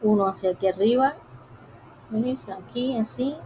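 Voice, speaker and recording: A woman teaching a live drawing lesson, talking softly and unhurriedly to viewers as she works. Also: a little high, slight background noise, poor audio. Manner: soft, unhurried, talks while drawing; addresses viewers directly.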